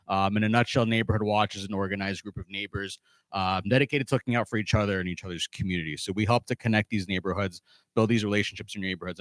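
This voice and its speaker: A man who runs a neighbourhood watch program, briefing a community meeting in a brisk, informal way with many ums. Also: fairly low pitch, dry recording. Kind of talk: public briefing.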